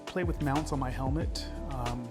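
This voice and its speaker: A man's voice: mid-range voice, moderate pace. Man chatting casually over music. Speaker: car vlogger. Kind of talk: casual vlog chat.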